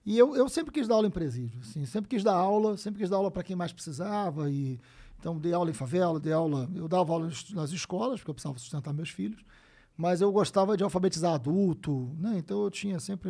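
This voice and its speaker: A man in his fifties with a Rio de Janeiro accent, a guest telling stories in a casual podcast chat, animated and swearing freely. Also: high voice, fast talker. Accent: Rio de Janeiro Portuguese. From Brazil. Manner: animated, swears freely, acts out quoted dialogue.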